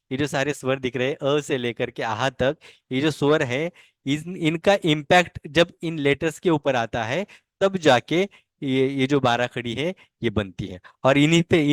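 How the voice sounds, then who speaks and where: A man's voice: a little high, no room sound, clean studio sound. A man teaching a language lesson in Hindi. He drills syllables patiently and keeps asking questions and answering them himself.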